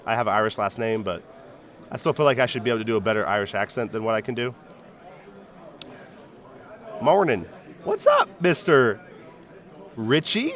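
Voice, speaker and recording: Animated guy hosting a card game stream, mid-pitch, lots of swoop in his voice, jokey and chatty with chat. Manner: chatty, greets and reads chat aloud, jokey. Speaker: stream commentator and host. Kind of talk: live card game commentary.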